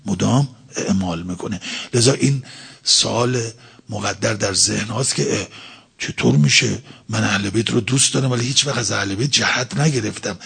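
A man's voice: fairly low pitch, creaky, a bit bright, slightly rough. A man preaching a religious talk, explaining by asking and answering his own questions. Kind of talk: sermon.

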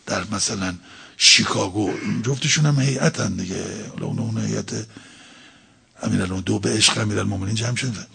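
Man preaching, gravelly voice, very raspy, rhetorical questions. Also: lowish voice, a bit bright. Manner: explains by asking and answering his own questions. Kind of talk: sermon.

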